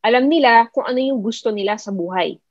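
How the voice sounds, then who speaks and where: Speaking fast, this Filipino-accented woman coaches an online group in Tagalog sprinkled with English, a network marketing mentor giving a motivational talk. She keeps circling back to key points and quizzing the audience. Her fairly high voice comes through a close, dry, muffled computer mic without echo.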